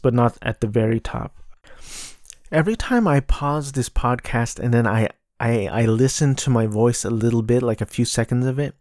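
A man hosting a casual solo gaming podcast in a monotone, low-energy voice with vocal fry, hesitating and stammering over repeated words. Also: dry recording, studio quality. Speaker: podcast host. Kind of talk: casual solo podcast talk about video games.

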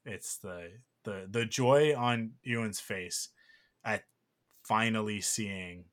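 A man's voice: fairly low pitch, slow pace. A man hosting a podcast, talking in a rambling, heartfelt way with lots of fillers and restarts. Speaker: podcast host. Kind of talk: casual podcast chat.

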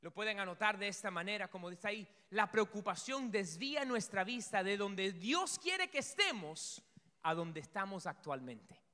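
A man preaches a lively sermon in a high, bright voice that swings widely up and down. He acts out the story as he goes. A long hall reverb trails his words in the church. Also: moderate pace. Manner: animated, acts out story scenes and shouts. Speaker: pastor.

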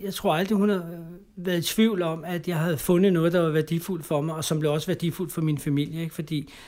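A middle-aged man from Denmark, an interview guest, telling his personal story in conversation, halting and repeating words, ending lines with tag questions. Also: on the high side, flat delivery, darkish tone.

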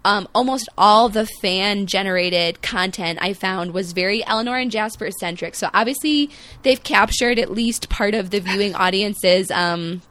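Bright, chatty woman podcaster. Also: mid-range voice, normal speed. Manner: chatty, animated, frequent "um" and "like". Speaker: podcast co-host. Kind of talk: casual chat.

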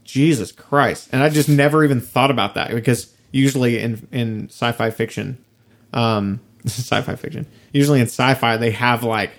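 Gravelly young man in casual podcast chat. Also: medium pitch, normal speed. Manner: rambling, profane, many fillers. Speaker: podcast co-host.

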